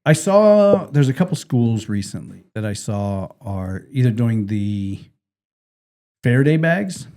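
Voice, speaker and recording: Mellow-voiced animated middle-aged man. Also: mid-range voice, unhurried. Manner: animated storytelling, acts out quotes. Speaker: podcast co-host. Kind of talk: casual chat.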